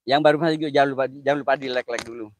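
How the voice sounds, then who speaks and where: A man's voice: mid-range voice, fairly even intonation, racing, a little hiss or hum. A man hosting a live stream, joking around, laughing often and thanking viewers by name.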